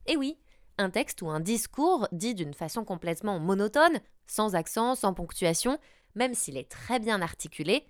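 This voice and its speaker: A woman's voice: medium pitch, normal speed, no echo, studio quality. A young woman, a radio journalist, giving an upbeat scripted tutorial that speaks straight to the listener. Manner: lively, addresses the listener directly, models intonation.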